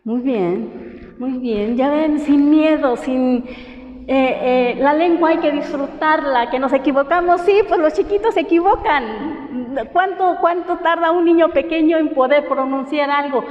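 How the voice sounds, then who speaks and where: Slow, high-voiced Mexican woman teaching. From coast of Oaxaca, Mexico. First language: Mixtec. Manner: patient, encouraging, thinks aloud with restarts. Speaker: language teacher. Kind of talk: classroom teaching. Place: university classroom. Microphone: teacher's own microphone. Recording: roomy hall echo, slightly dull.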